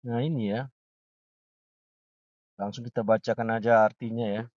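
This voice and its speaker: A man teaching recitation, slowly repeating sounds and patiently correcting pronunciation. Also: on the low side, fairly even intonation, a little mellow, dry recording. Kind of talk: pronunciation lesson. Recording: muffled, distant from the mic, dry.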